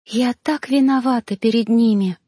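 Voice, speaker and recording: A woman's voice: moderate pace, mellow, breathy edge, no room sound, clean studio sound. A woman voicing a sobbing young ghost girl. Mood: tearful whisper. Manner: high, tearful, pleading cries.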